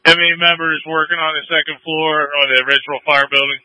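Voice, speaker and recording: A man's voice: fairly high pitch, steady tone, fast talker, sharp tone, dry recording, low-quality recording. A male fireground officer giving terse, direct orders and questions over a two-way radio. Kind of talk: radio dispatch commands and questions.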